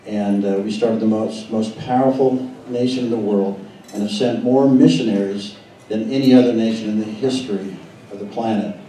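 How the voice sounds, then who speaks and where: A man's voice: lowish voice, steady tone, normal speed, dark tone. A man organizing a meeting, introducing a speaker in a rambling, hesitant way with fillers. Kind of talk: speech at a meeting. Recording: echoey room, distant mic, faint noise.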